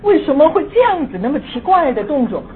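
A woman in her sixties telling a personal ghost story, moving between hushed and excited. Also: high-pitched, a little fast. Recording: tinny phone-like audio with faint hiss.

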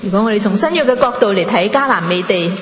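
A woman's voice: mid-range voice, lively intonation, fast. A woman interpreting a sermon live, phrase by phrase. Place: large conference hall. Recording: muffled, echoey hall, audible congregation. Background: congregation noise.

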